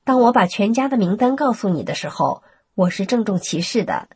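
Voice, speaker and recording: A woman's voice: mid-range voice, expressive, brisk, a little mellow, husky, dry recording. A woman voicing a grateful, recovered young mother in a plain, earnest way within a narrated story.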